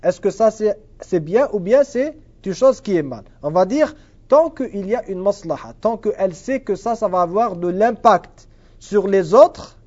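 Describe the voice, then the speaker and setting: A man's voice: high-pitched, lively intonation, a little slow, darkish tone. A man teaching a religious class and answering questions, earnest and repetitive, sprinkling Arabic phrases into his French. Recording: dull lo-fi sound.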